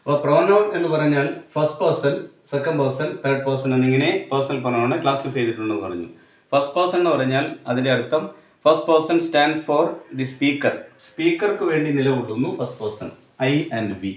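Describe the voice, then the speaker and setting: A man with a Malayali accent teaching English grammar, explaining slowly and deliberately and mixing English terms into Malayalam. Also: mid-range voice. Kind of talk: grammar lesson. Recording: echoey room, dull lo-fi sound.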